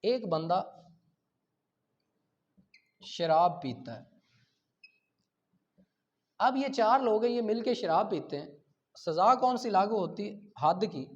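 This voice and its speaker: Speaking slowly and pausing often, a man with a high-pitched, animated voice and a Pakistani accent gives an explanatory law lecture. He uses examples and answers questions he poses himself, mixing English legal terms into his Urdu. The recording is dull and lo-fi.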